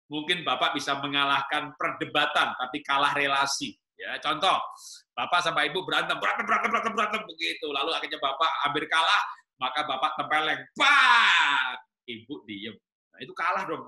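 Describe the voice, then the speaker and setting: Bright joking preacher man, echoey hall. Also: on the high side, fairly quick. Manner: joking, teasing the audience with questions. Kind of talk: humorous sermon to couples.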